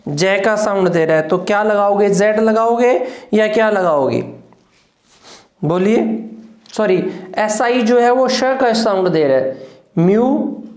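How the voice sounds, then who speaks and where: A woman's voice: medium pitch, lively intonation, unhurried, darkish tone, reverberant. A woman with a Hindi accent teaching English phonetics, repeating each word several times. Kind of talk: phonetics lesson.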